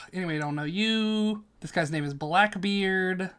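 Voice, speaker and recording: A YouTuber chatting casually through a character tier list. The talk is jokey and self-directed, with mumbled asides between louder bursts. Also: mid-range voice, unhurried, clear, resonant tone. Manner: swings between loud outbursts and quiet asides.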